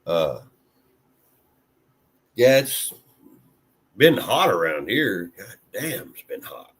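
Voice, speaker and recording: A man's voice: lowish voice, very animated, slow, a bit bright, slightly rough. A man from Illinois chatting casually with live viewers, laid-back and rambling, with plenty of fillers and mild swearing. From Illinois, USA. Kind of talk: casual live-stream chat.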